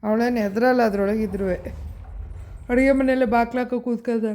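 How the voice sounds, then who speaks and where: A young mother with a somewhat high, steady voice speaks at a moderate pace in a casual family vlog. At home at night, she coaxes and soothes her baby in a sing-song voice, captured on a phone as home video with loud background noise.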